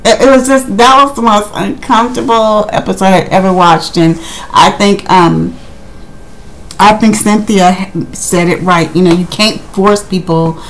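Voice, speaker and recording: In an unhurried, steady, mid-range voice, a woman chats to her viewers with a rambling reality TV recap, now and then acting out quotes. It's a casual review with a rough recording.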